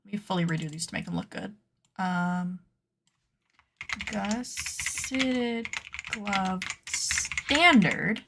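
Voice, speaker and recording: A woman streaming casually while she works at a computer, playfully dramatic as she scolds her sewing patterns out loud. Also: on the low side, vocal fry, background noise. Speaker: cosplay pattern maker and streamer. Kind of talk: casual livestream chat while working at a computer.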